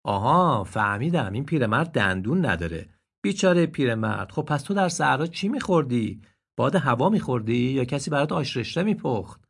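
A man voicing a gang of rowdy, mocking stable donkeys in a read-aloud story, loud and teasing with a husky tone. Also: mid-range voice, animated, hardly any pauses.

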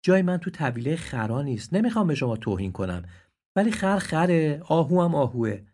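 Guy doing a proud sad gazelle, higher pitched, husky and pleading, storybook voice. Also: sing-song, a little mellow. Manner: raised, pleading and indignant. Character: proud grieving adult male gazelle. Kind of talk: storybook voice acting.

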